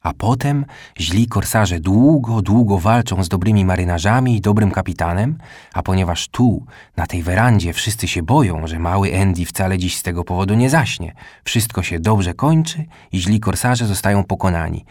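A man doing an eager boastful boy, high and excited. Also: moderate pace, no room sound, clean studio sound, lightly acted. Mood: soothing. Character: excited boy telling pirate tales.

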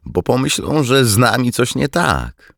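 A man voicing a frightened young male navigator-bombardier in a wartime audiobook, with high, anxious outbursts. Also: sing-song, measured pace, vocal fry, a bit bright, dry recording, clean studio sound, full character voice.

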